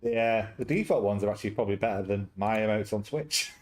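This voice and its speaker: A man's voice: lowish voice, fast talker. A young man casually reading a story game aloud on a stream, chatty and easily sidetracked into jokes. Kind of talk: casual live-stream chat and game narration.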